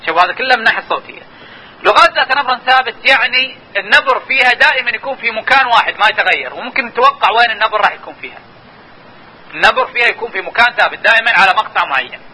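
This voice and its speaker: Fast, bright-voiced male lecturer. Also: very high voice, lively intonation, breathy edge, low-quality recording. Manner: explanatory, repeatedly urging listeners to watch and notice. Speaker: linguistics lecturer. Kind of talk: classroom lecture.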